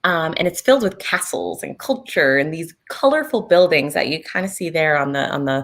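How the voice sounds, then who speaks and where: A woman with a slightly low voice, left hoarse and raspy, gives a casual online talk as a travel advisor. She chats along with plenty of fillers, heard over a video call. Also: expressive, a little fast. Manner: chatty, many fillers.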